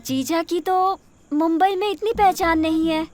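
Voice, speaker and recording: A naive, self-assured young small-town heroine. Her voice is extremely high, in dubbed comedy film style, with faint music underneath. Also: steady tone, unhurried, a little mellow. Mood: puzzled.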